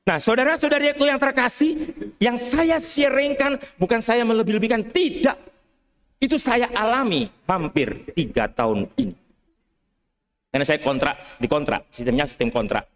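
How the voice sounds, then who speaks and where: High-voiced priest telling stories in a sermon. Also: male voice, moderate pace. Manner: lively storytelling with humorous asides, often calling out to the congregation. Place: cathedral church.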